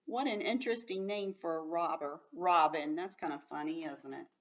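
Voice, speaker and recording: A woman schoolteacher reads aloud to children at a normal pace, her voice sitting low as she explains things in simple words and comments along the way. The sound is dull, and she's distant from the mic.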